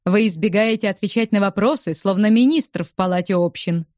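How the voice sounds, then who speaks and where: A woman voicing a drily ironic, unflappable gentleman who speaks deadpan. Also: mid-range voice, brisk, no echo, clean studio sound, close to an everyday voice.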